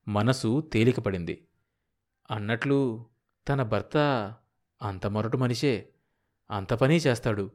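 A man narrating a novel aloud in an expressive, measured storytelling manner. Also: mid-range voice. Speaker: audiobook narrator. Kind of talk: dramatic novel reading.

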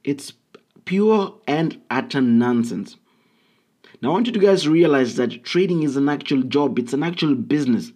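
A man's voice: on the high side, expressive, normal speed, mellow. A man hosting a solo podcast, talking casually and bluntly with frequent ums and uhs. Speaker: podcast host.

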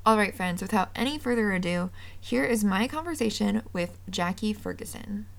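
A woman's voice: medium pitch, expressive, normal speed, creaky. A woman hosting a podcast in an upbeat, friendly manner, speaking straight to her listeners. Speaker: podcast host. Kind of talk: scripted podcast intro and sponsor read, then interview chat.

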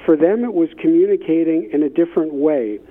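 A man with a slightly high voice talks fairly quickly as an expert guest in an interview, sharing anecdotes conversationally. He's a business innovation consultant, heard over a phone line with thin sound.

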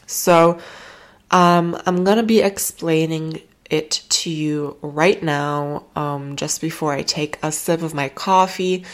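Hosting her self-help podcast from home in Germany despite a cold, this woman speaks slowly in a low, steady voice. She comes across as gentle and warm, wandering casually through her thoughts with plenty of fillers.

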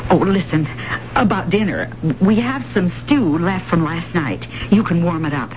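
A woman's voice: on the low side, expressive, normal speed, darkish tone, natural voice. Cheerful reassuring wife woman acting in a radio play, dull noisy recording. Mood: eager, reassuring. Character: eager, cheerful wife, warm-hearted and reassuring. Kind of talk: naturalistic radio drama acting.

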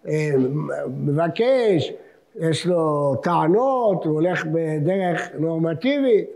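A man's voice: fairly high pitch, expressive, darkish tone. A man gives a rabbinic talk. He explains old texts and quotes verses, and his emphasis rises as he reads them. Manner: expounding texts, quoting verses with rising emphasis. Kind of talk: Torah lecture before Selichot.

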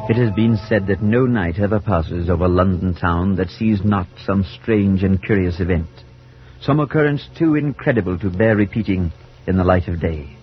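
A man acting a mild, courteous English clergyman in a 1940s radio drama, speaking in a measured, literary way. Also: sits low, soft background music, lightly acted. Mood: grave, reflective. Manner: measured, literary, polite delivery. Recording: muffled 1940s radio recording.

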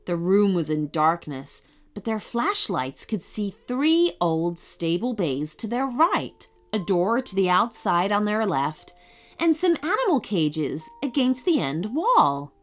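A woman narrating a children's storybook in an expressive storytelling manner. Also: medium pitch, takes it slowly, soft background music.

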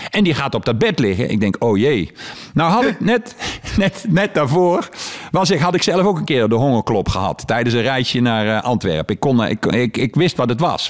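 A man in casual conversation, recounting stories from his years as a stage performer. His voice swings widely up and down as he acts out what people said. His pitch sits in a middling range. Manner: animated storytelling with quoted voices.

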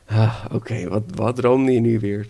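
A man voicing a sleepy, suspicious devil who yelps when woken and grumbles in a gravelly voice. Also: fairly low pitch, steady tone, a little slow, warm tone. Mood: grumpy. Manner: yelping, indignant outbursts.

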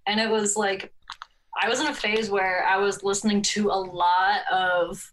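A woman's voice: medium pitch, normal speed, slight background noise, low-quality recording. Laid-back young woman, rambling with fillers. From California. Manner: relaxed, rambling, laughs often, filler-heavy. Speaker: podcast guest. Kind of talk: casual interview chat.

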